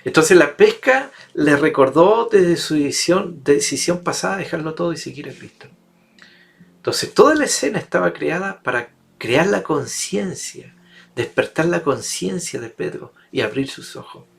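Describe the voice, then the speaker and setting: A man's voice: fairly high pitch, animated, normal speed, creaky. A male preacher delivering a sermon, emphatic and building repetitive rhetorical lists.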